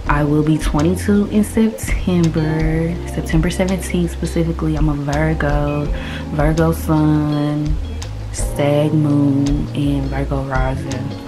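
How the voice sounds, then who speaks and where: A woman in her early twenties chatting casually to camera in a relaxed, slangy way. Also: low-pitched. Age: 20s. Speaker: vlogger. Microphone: phone camera.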